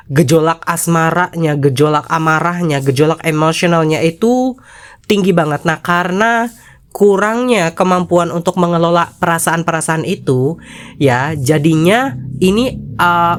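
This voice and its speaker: At a moderate pace, a YouTube commentary host with a Jakarta Indonesian accent chats casually and sassily to viewers, adding dramatic asides. They have a cold, so the voice is nasal and congested, in a mid-range pitch between a man's and a woman's.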